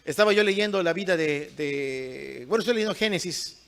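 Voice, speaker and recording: A man's voice: a little high, animated, normal speed, gravelly, fairly bright tone. A man preaching a sermon to a congregation, emphatic, often asking questions and waiting for the answer.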